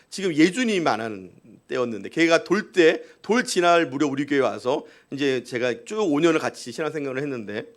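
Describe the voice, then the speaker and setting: A male pastor preaching a live Sunday sermon. He tells a story, acts out quotes and keeps asking the congregation rhetorical questions. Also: medium pitch. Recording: live church service.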